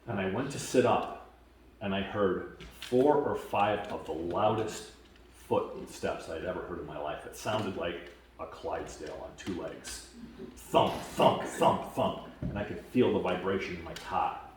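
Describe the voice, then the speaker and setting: A low-voiced man from Washington state tells his story casually, with fillers and a lively retelling. He sounds far from the mic in a very echoey space. A faint hiss of noise sits under his voice. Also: moderate pace. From Washington state, USA. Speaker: camp attendee giving a testimonial.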